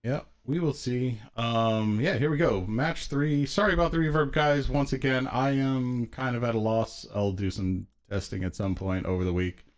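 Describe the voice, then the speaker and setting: A man's voice: mid-range voice, normal speed, few pauses. A man casting a game match play-by-play, his mic carrying an echoey reverb. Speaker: esports caster. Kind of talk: play-by-play commentary.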